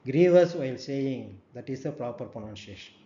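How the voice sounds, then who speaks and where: Guy lecturing in a dull echoey room, dark mellow voice, keeps asking "right?". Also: mid-range voice, moderate pace. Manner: explanatory, often checks with "right?"; many "uh" fillers. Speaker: forensic medicine lecturer. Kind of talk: recorded lecture. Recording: dull echoey room recording, faint hum.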